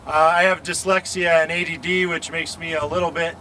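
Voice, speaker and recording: A man's voice: a little high, flat delivery, fairly quick, bright, forceful tone. A man from the Lake Tahoe area of California, talking casually as an extreme sports athlete being interviewed outdoors, rambling with slang and lots of fillers. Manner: rambling, laid-back, surfer slang with many fillers. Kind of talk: casual chat. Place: outdoors beside a motorcycle. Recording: noisy outdoor recording with traffic.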